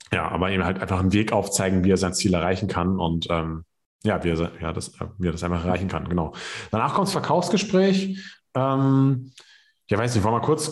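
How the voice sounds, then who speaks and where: A man with a fairly low voice hosts a relaxed podcast about personal training. He talks loosely, hedging with fillers and checking in with little tag questions. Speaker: podcast host. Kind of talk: casual podcast conversation.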